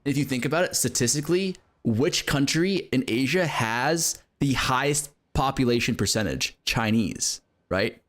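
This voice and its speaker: A man's voice: medium pitch, moderate pace, few pauses, a bit bright. A man streaming a game live, chatting casually, cursing and joking while he reads out chat messages.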